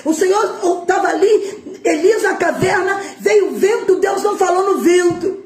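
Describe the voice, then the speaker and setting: A middle-aged Brazilian woman preaching an emotional Pentecostal sermon, impassioned, shouting and tearful at times. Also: very high voice, a little slow, roomy sound, faint music behind. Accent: Brazilian Portuguese.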